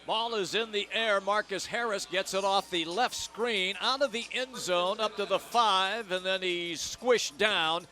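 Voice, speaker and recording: Bright-voiced male radio play-by-play announcer. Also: high voice, soft background music. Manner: brisk play-by-play calling. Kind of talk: radio sports commentary.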